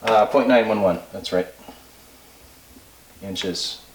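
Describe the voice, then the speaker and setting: Male instructor, fairly low voice, informal hands-on technical explainer, pauses to check himself, recorded away from the mic. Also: a little hiss or hum. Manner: halting, self-checking, thinking aloud. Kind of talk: informal technical explanation, working through calculations aloud. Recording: roomy echo, distant microphone.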